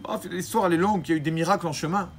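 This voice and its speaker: A rabbi, a man, telling a religious story in a lively way, acting out the quoted voices and correcting himself as he goes. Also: high voice, noisy background. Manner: pauses to correct himself mid-sentence. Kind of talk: storytelling Torah lesson.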